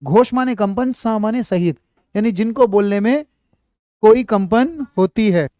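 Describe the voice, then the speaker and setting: A high-pitched man with a dark tone speaks at a measured pace in a dry, studio-quality recording. During a live online class he explains Hindi letters and sounds at a board, repeating himself, repeatedly checking comprehension, and affectionately calling students child.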